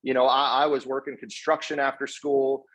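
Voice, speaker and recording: Over dull, lo-fi online call audio, a male network marketer from Canada, partly raised in South Africa, gives an informal motivational guest talk. His medium-pitched voice is a bit bright, with flat delivery at normal speed. He's earnest and effusively grateful, speaking in slangy bro-talk and often repeating himself.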